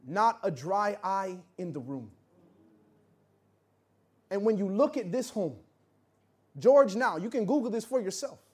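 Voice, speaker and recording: A man with a high voice preaches through a story. He acts out the people in it, then drops suddenly to a hush at the tense moments. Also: expressive, a little slow, long pauses, husky. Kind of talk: sermon storytelling.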